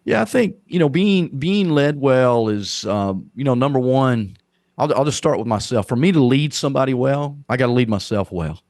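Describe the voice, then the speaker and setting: A middle-aged man with a Southern accent, originally from Arkansas, guests on a podcast and discusses leadership in a casual, earnest, rambling way, frequently repeating words. His mid-range voice is expressive and darkish in tone, at normal speed. The studio-quality audio has no room sound.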